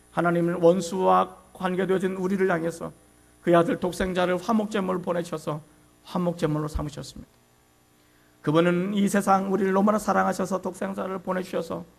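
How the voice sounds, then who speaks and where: A man preaching with a high, gravelly voice, telling a story with dramatic rises in intensity. A low mains hum sits under the recording. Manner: dramatic storytelling, shouting quoted lines. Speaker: pastor. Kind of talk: sermon.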